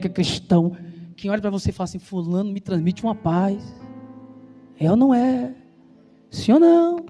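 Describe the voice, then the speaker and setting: A man with a Brazilian Portuguese accent preaching a sermon in a church, talking fast and loud and firing call-and-response questions at the congregation. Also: extremely high pitch. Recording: reverberant church hall with soft instrumental music.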